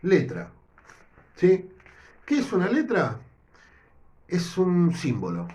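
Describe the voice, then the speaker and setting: A man teaching a lesson with a Rioplatense accent, explaining step by step and often checking in with a quick question. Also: sits high, wildly swooping pitch, darkish tone. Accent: Rioplatense Spanish. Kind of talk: recorded language lesson. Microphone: no whiteboard, improvising with notes.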